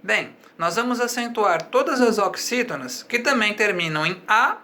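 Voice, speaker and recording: A teacher with a Brazilian Portuguese accent delivers a recorded lesson to young pupils. The voice is bright and pointed, and it explains patiently step by step, pausing to check that the class is following. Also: mid-range voice, expressive. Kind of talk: recorded video lesson for fifth graders.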